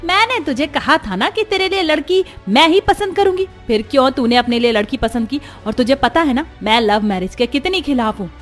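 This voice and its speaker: A woman's voice: on the high side, lively intonation, fairly quick, soft background music, natural voice. A woman voicing a strict middle-aged mother who is firm and insistent, in a cartoon story. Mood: stubborn.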